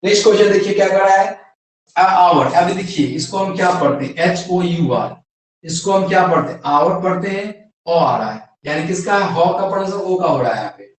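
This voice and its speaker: An English teacher with an Indian accent gives a classroom grammar lesson in a high, expressive voice at a brisk pace, posing questions and then answering them himself. His voice sounds far off in a very echoey room.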